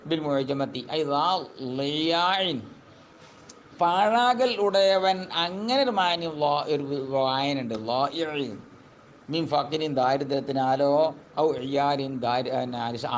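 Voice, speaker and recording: A man teaching a classical religious text, reading Arabic slowly and then explaining in quick colloquial speech. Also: medium pitch, slight background noise.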